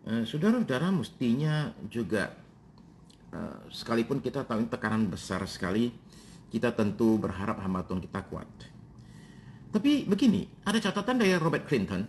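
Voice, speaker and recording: A man in his fifties, a pastor preaching a sermon, speaking directly to his congregation with frequent pauses and fillers, answering his own questions. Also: mid-range voice, slight background noise. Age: 50s. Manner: addresses congregation directly, asks and answers himself.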